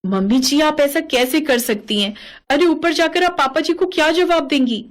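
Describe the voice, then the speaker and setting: A woman's voice: sits high, moderate pace, pitched above the performer's own voice, lightly acted. A woman as melodramatic cartoon daughter-in-law. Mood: pleading. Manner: pleading, melodramatic. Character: dramatic young daughter-in-law, pleading and theatrical. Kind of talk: cartoon voice acting.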